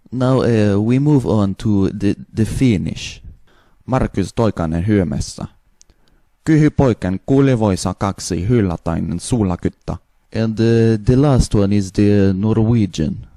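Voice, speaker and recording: A man's voice: fairly low pitch, dark tone, dry recording. A man speaking made-up gibberish that imitates the sound of foreign languages, in changing mimicked accents.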